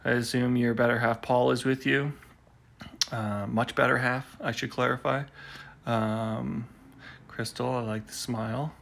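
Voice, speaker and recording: A man's voice: medium pitch, fairly even intonation, a little slow, gravelly, a bit bright. A man hosting his own live poetry stream, chatting and teasing viewers in a rambling way while he waits to start, recorded on a phone indoors at home. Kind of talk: casual chat to live viewers.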